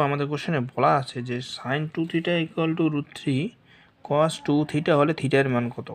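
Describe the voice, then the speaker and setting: A man teaching a math lesson slowly and patiently, walking through each step and mixing English math terms into his speech. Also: a little high, a little hiss or hum.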